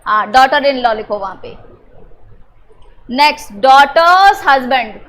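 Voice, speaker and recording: A woman teacher drilling a class on family words, teasing and prodding students to answer loudly. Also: high voice, lively intonation, measured pace. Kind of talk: classroom lesson.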